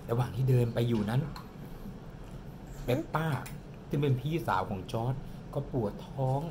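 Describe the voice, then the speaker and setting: At home in the living room, a father in his forties makes up a bedtime-style ghost story for his little girl, his medium-pitched voice theatrical and stretched out for suspense. The recording comes from a camera set close on the table before him, with plenty of background noise.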